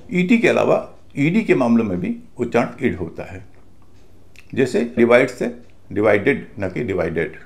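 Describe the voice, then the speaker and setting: A male teacher giving a pronunciation lesson, speaking slowly and deliberately and spelling out words letter by letter. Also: medium pitch, creaky, a little mellow.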